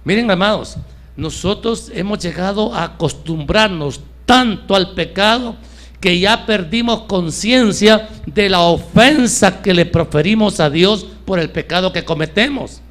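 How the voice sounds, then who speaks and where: Fervent middle-aged male pastor preaching. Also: measured pace. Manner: fervent preaching, swings between raised emphatic lines and soft low asides. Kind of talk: sermon.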